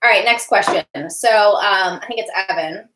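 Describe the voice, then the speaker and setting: A woman's voice: medium pitch, normal speed. A woman hosting a casual live cooking stream, chatty and giggly, reading viewer questions aloud. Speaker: cooking show host. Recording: roomy kitchen echo, faint noise.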